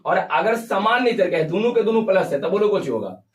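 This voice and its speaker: Guy teaching physics, high voice, echoey room, sounds far from the mic. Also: lively intonation, fairly quick. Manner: questioning, repeats terms for students to echo. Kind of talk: classroom lecture with call-and-response. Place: classroom.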